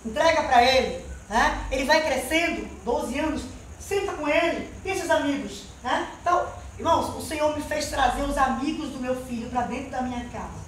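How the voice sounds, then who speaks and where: A woman's voice: high voice, moderate pace, a little hiss or hum. A woman giving a spoken testimony to a church congregation, earnest and often calling out to the Lord and the brethren. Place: church hall. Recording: very echoey church hall, mic far off.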